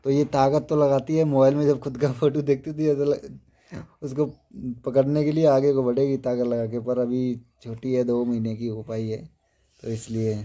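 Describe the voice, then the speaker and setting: A man, coaxing a baby in a casual home vlog with slow, repetitive baby talk. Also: mid-range voice, level tone, mellow. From Uttar Pradesh. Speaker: vlogger.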